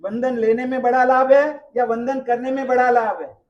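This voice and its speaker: High-pitched male preacher for a sermon, throws rhetorical questions at the crowd, dynamic delivery, muffled lo-fi sound. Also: normal speed. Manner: dramatic swings between loud and soft. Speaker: religious speaker at a memorial gathering. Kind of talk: sermon storytelling.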